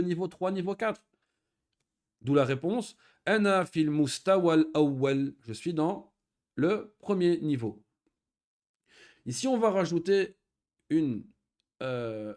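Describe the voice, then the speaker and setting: Man, teacher, fairly high voice, patient explaining, slow careful reading. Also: darkish tone. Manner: explains patiently, reads Arabic slowly, then translates. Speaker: Arabic teacher. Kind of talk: recorded online lesson.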